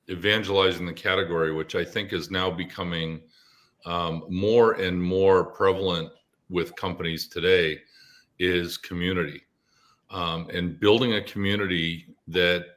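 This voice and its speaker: A man speaking as a guest in a live online interview over a video call, measured and persuasive. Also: sits low, fairly bright tone. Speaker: guest, business advisor. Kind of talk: casual interview talk.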